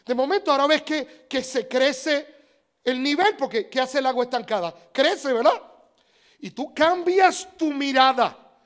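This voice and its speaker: A man preaching a sermon, animated and talking straight to his listeners, swinging between loud and hushed. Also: extremely high pitch, measured pace.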